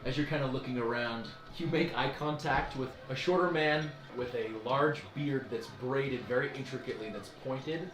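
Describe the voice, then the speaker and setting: A man narrating a tabletop game as game master, animated, laughing often and filling his speech with "like". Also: mid-range voice, normal speed, few pauses, echoey room, soft background music, poor audio.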